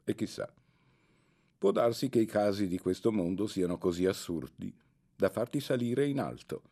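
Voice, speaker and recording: A man's voice: on the low side, lively intonation, moderate pace, warm tone. A man reading the part of a stern young male schoolmate who lectures harshly and admonishes. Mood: stern admonishing. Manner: severe, admonishing.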